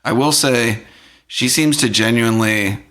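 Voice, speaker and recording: A man's voice: mid-range voice, unhurried, a bit bright. A man co-hosting a podcast, recapping and analyzing a film in a thoughtful casual way. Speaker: podcast co-host.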